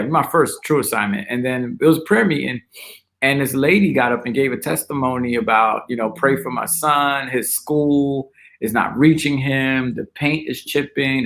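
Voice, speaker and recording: A man, a pastor chatting as a guest in a relaxed way and joking about himself. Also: mid-range voice, gravelly. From Brooklyn, New York. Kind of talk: casual interview chat.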